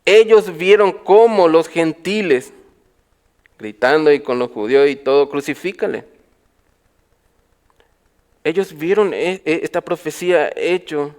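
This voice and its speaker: Man, pastor, sermon, higher pitch, loud then hushed. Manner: preaching with rhetorical questions to the congregation; swings from loud calls to quiet low phrases. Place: church.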